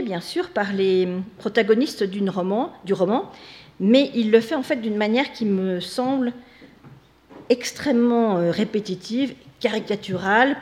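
A woman's voice: mid-range voice, darkish tone. A woman giving an academic talk, hesitant, with many fillers and restarts. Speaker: lecturer. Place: lecture hall.

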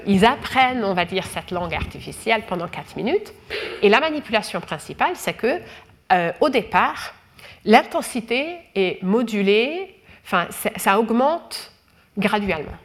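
A woman giving a lecture, explaining carefully with frequent fillers and restarts. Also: medium pitch. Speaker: researcher lecturing.

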